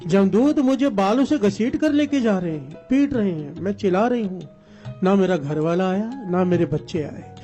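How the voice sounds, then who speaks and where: A man's voice: high voice, animated, moderate pace, dark tone, faint music behind. A man preaching a sermon as a story, calling on the congregation to respond.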